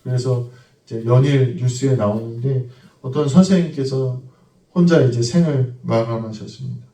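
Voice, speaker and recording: A man's voice: mid-range voice, moderate pace, warm tone. Korean man preaching in an echoey church. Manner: storytelling, rising to emphatic preaching. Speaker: pastor. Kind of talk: sermon. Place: church sanctuary. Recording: echoey room, mic at a distance.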